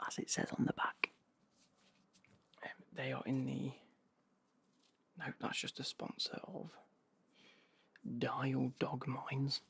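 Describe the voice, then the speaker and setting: Guy whispering an asmr unboxing, kinda creaky, rambles and corrects himself. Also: mid-range voice, monotone, takes it slowly, pauses often, fairly bright tone. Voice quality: breathy whisper with creaky edges. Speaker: unboxing video host.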